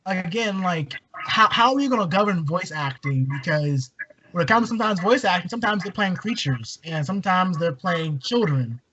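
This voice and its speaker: Man from Maryland, fairly high voice, rambling and animated; casual podcast co-host on a dull, lo-fi track with a faint hiss. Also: moderate pace. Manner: rambling, animated, many fillers.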